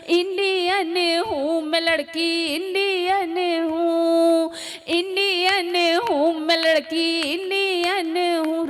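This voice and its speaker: A woman with a very high voice sings ghazals and songs slowly from a poetry stage. Between verses she talks quickly and keeps asking the crowd to listen. Faint music plays behind her. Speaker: poet performing at a comic poetry gathering. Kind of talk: sung ghazal and song recital with spoken links. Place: stage at a live poetry event.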